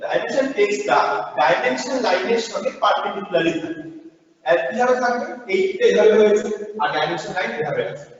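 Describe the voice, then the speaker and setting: A male teacher giving an online class from a large empty classroom. He explains slowly and switches between English and Bengali, and a heavy cathedral-like echo fills the hall around him. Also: high-pitched, animated. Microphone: distant device mic over a video call. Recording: echoey empty hall, voice far from the mic, muffled sound.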